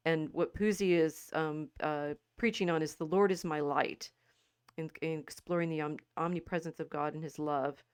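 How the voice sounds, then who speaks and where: Woman, lowish voice, smooth and resonant, halting restarts, dry close mic. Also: no echo. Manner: thoughtful, halting, many restarts. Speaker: podcast co-host. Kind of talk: casual livestream discussion, reading quotes aloud.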